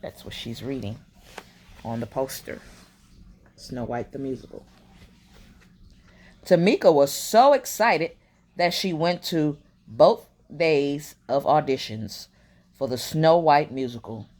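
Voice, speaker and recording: A woman with a low voice reads a children's picture book aloud expressively at bedtime, going slowly and pausing often. She also whispers in quiet, murmured asides.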